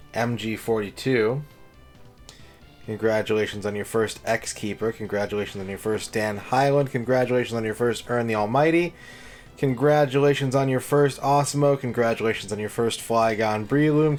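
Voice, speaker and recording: A man streaming on a headset mic, chatting casually and greeting and thanking viewers one by one. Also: mid-range voice. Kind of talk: casual livestream chat.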